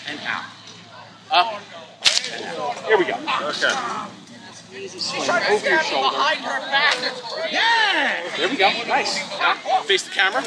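A middle-aged man instructing hands-on in short, encouraging phrases, outdoors in a field some way from the camera. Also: sits high. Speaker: whip-cracking instructor. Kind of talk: hands-on coaching. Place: open grassy field at a fair. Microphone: camera several metres away. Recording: loud outdoor fair noise and crowd.

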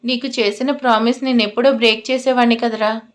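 A woman voicing a caring young man who pleads gently on a phone call between friends. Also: fairly high pitch, steady tone, fairly quick, close to an everyday voice. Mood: earnest.

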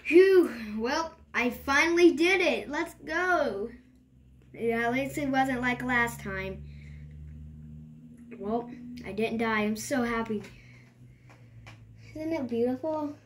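A woman vlogging casually to camera, excitable and nervous, often dropping to a hushed voice. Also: fairly high pitch, slow pace, pauses often, a little hiss or hum. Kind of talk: casual vlog chat to camera.

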